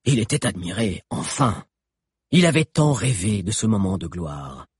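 A man telling a story in scripted audiobook narration, his voice husky and breathy. His pitch moves lively and expressively through the sentences. The recording is dry and close, with no room sound. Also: measured pace, dry recording.

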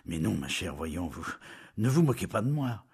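A man voicing an earnest young husband who pleads softly and grows impatient, in a story read aloud. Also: lowish voice, lively intonation, normal speed, breathy edge. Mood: pleading.

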